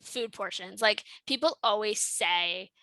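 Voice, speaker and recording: A woman's voice: mid-range voice, unhurried, bright, forceful tone, no echo, poor audio. A woman of about twenty, chatting casually and self-deprecatingly as a podcast co-host, with lots of "like". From Montreal, Canada. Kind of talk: casual chat. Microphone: headset.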